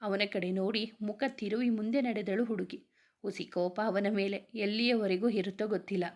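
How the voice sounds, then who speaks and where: A woman storyteller reading a romantic serial story aloud. Her narration is calm and even, with a middle pitch for a woman. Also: normal speed.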